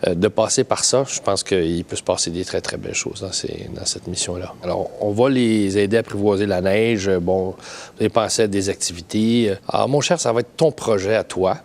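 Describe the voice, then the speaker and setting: A man's voice: on the low side, a little fast, darkish tone, slight background noise. A man with a Québécois accent, addressing his team in an easygoing, direct way as host. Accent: Québécois French. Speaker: show host.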